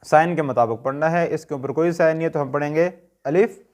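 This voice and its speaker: A Quran recitation teacher with a Pakistani Urdu accent gives a tajweed lesson in a fairly high, slightly mellow voice at a brisk pace. He patiently asks questions and answers them himself.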